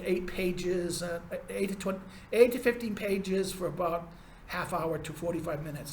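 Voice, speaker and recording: A man's voice: sits high, a bit bright, reverberant, a little hiss or hum. A male university lecturer giving a rambling, sardonic classroom lecture with frequent restarts.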